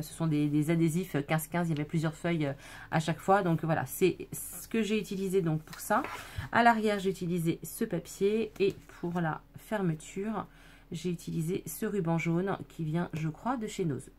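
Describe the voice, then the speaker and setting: Showing a handmade scrapbook album in a casual craft video, this woman talks straight to viewers in a chatty way full of fillers and self-corrections. She has a fairly low pitch and a darkish tone.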